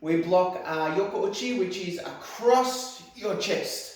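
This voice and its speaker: A man's voice: high voice, slow pace. A male karate instructor explaining techniques in a martial arts lesson. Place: echoey indoor room, voice some distance from the mic. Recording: very echoey hall, distant mic.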